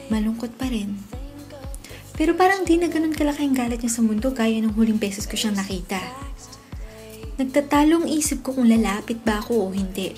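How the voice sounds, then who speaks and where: Young woman narrating a story over music. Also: on the high side. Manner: expressive, swings into loud excited shouts. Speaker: narrator and dubber. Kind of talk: first-person story narration. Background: faint background music.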